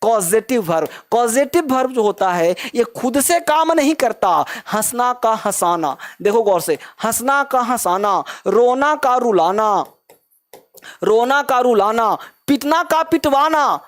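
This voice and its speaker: A man's voice: extremely high pitch, expressive, measured pace. A man teaches a spoken English class. He keeps firing the same questions back at his pupils and repeating the answer. He calls them "beta" in a fatherly way. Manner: drills students with repeated questions.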